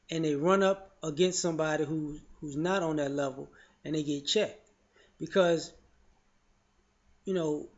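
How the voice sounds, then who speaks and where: A man giving his opinions in casual spoken commentary, frank and loose, often saying "you know" and restarting his sentences. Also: on the high side. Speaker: vlogger sharing opinions. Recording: dull lo-fi audio.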